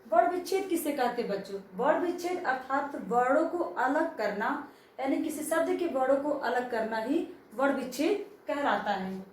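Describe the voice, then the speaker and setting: A woman's voice: high voice, animated, moderate pace, recorded from a distance, a little hiss or hum. A woman teacher giving a grammar lesson to children, asking them questions and then answering them herself. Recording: very echoey room, voice from off-mic.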